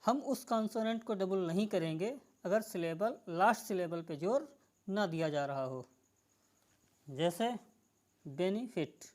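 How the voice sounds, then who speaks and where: A woman, teaching spelling rules to exam students in a slow, explaining manner. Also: fairly low pitch, animated, a little mellow. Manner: slow explanatory teaching, addresses viewers as friends. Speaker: English teacher.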